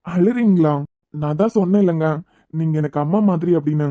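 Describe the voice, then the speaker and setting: A woman's voice: on the low side, a little fast, dark tone, dry recording, natural voice. A woman voicing a cheeky, teasing young man in a cartoon series, with a Kanyakumari Tamil accent. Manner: teasing, sarcastic.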